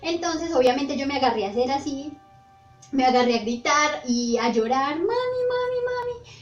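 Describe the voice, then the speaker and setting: A young woman vlogger telling her own paranormal stories in an animated, breathless way. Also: high-pitched, moderate pace. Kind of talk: storytime narration. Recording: roomy, slightly dull, faint music. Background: faint background music.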